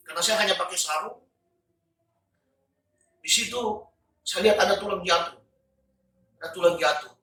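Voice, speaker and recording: A man's voice: high voice, pushed and bright. A man sharing a personal religious testimony, in an earnest manner with fillers and restarts. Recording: echoey room, distant mic.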